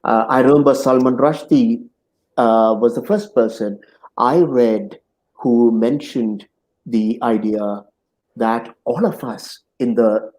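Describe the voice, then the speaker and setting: A middle-aged man hosting a live video-call interview, speaking in a measured, reflective and philosophical way. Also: medium pitch, steady tone, a little mellow, poor audio. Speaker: host and interviewer.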